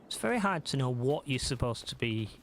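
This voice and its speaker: Man, live game streamer, chatty, self-deprecating, medium pitch. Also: very animated, brisk. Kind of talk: casual live gameplay commentary.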